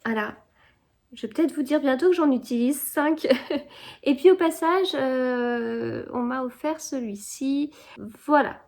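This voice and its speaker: A woman talks casually to her camera at home, in a vlog. Her voice sits a little high. She hesitates often, with many fillers and restarts. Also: a little slow, darkish tone. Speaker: vlogger. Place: home indoors.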